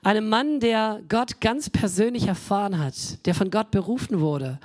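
A woman's voice: medium pitch, lively intonation, normal speed, darkish tone, no echo. Conversational woman preacher in her forties. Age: 40s. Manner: conversational, addresses the congregation directly; frequent filler sounds and self-corrections. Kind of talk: sermon.

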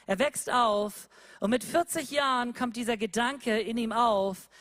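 A preacher keeps a measured pace through his sermon, returning again and again to rhetorical questions while shifting from loud emphasis to quiet, low delivery.

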